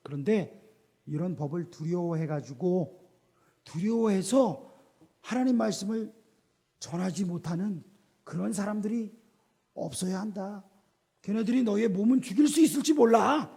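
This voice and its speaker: High-voiced, husky male pastor preaching. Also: normal speed, long pauses. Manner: animated, asks the congregation rhetorical questions; acts out quoted voices within the sermon. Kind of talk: sermon.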